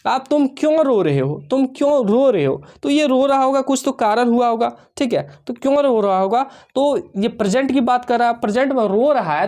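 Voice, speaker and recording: A man teaching an exam-prep English lesson, explaining step by step and reading English sentences out slowly. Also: extremely high pitch. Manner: addresses students warmly as dear children.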